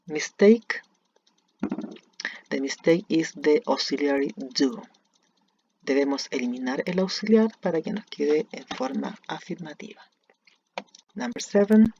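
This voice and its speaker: Chilean teacher going over grammar real slow, gravelly voice, repeats every example, keyboard typing behind. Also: mid-range voice, a little mellow, highs cut off, a little hiss or hum. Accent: Chilean Spanish. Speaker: English teacher. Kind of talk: recorded lesson explaining grammar.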